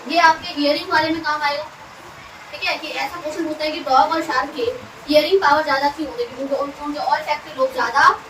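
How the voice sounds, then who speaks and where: A woman, teaching a science class and quizzing students, repeating terms slowly for them to echo back. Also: sits high, steady tone, a bit bright. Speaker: science tutor. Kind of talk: classroom lesson with call-and-response drilling. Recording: echoey room, mic at a distance, audible noise.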